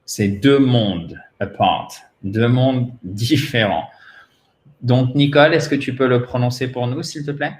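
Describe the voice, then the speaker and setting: A man with a French accent, a native French speaker, teaching English pronunciation in a patient way and repeating words slowly for drilling. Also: medium pitch, roomy sound. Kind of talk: pronunciation lesson.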